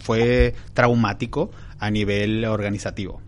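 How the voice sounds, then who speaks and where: A man from Venezuela, a guest in an interview, telling his story in a calm, frank and reflective way. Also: lowish voice, unhurried, a little hiss or hum. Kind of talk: relaxed storytelling in conversation.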